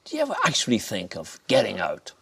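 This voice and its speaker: A man's voice: lowish voice, wildly swooping pitch, fast talker, vocal fry, sharp tone, breathy edge. A man hosting an interview, asking direct, probing questions. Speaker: interviewer host.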